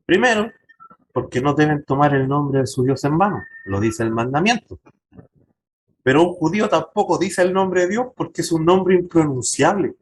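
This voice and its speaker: A man's voice: on the high side, animated, moderate pace, poor audio. Man, pastor, church Bible class, emphatic, questions the congregation, faint noise. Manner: emphatic teacher addressing the congregation directly.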